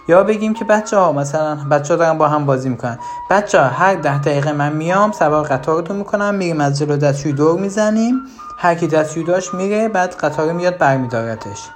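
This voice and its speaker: A parenting advisor speaks straight to the listener with direct advice, asking rhetorical questions and moving between lively and low, emphatic tones.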